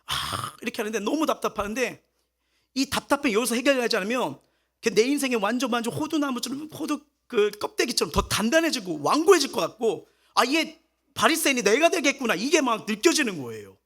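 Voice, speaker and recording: A man preaching a sermon as a pastor, telling a personal story in an animated way and acting out what people said. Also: very high-pitched, fairly quick.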